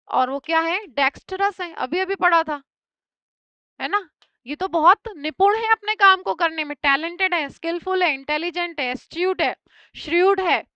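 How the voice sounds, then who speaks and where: Woman, vocabulary teacher, high voice, dry slightly dull recording, rattles off synonyms. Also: bright, forceful tone, dry recording. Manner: explains each word with everyday examples and quick checks; rapid lists of synonyms. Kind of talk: exam-prep lesson.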